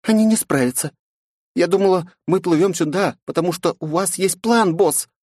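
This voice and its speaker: A man's voice: high-pitched, moderate pace, a little mellow, no room sound, pitched above the performer's own voice. Audiobook figure: a scolding, sarcastic young woman, read by a man. Dry studio sound. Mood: reproachful. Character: sharp-tongued young woman sidekick, exasperated. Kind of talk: audiobook character voice.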